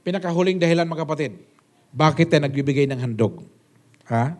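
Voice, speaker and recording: A man preaching a sermon as pastor, with emphatic rhetorical questions and sudden loud exclamations. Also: a little fast. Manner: swings between loud high exclamations and low quiet asides.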